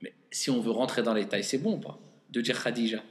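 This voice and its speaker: A man teaching Arabic reading in a patient classroom way, slowly repeating syllables and gently correcting a student. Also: medium pitch. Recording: echoey room with long reverb.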